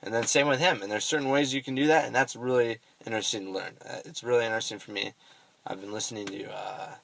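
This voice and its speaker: A man's voice: mid-range voice, steady tone, quick pace, vocal fry, a bit bright, slight background noise. A young man giving a casual, rambling self-help monologue, full of fillers and swearing. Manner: rambling, profane, with many fillers. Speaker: vlogger.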